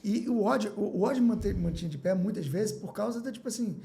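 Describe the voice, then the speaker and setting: Gravelly-voiced man telling an emotional story. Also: high-pitched, brisk. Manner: emotional, animated retelling, repeats phrases and acts out his own past words. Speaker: podcast guest, business owner. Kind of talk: personal story in a podcast interview.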